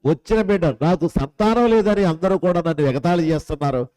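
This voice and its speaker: Emphatic male preacher, warm voice. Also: brisk, rough recording. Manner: emphatic preaching, many rhetorical questions; swings between loud high and soft low. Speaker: pastor. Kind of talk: sermon.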